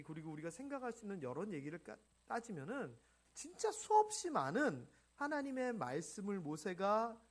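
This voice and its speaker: A pastor preaching a Sunday sermon in church who acts out biblical dialogue and asks the congregation questions. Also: mid-range voice. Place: church sanctuary.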